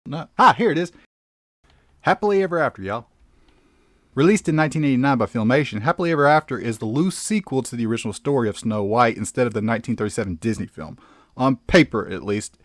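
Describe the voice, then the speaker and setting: A man's voice: mid-range voice, expressive, fast talker, no echo, clean studio sound. A man hosting a comedic film review, exclamatory and sarcastic as he narrates.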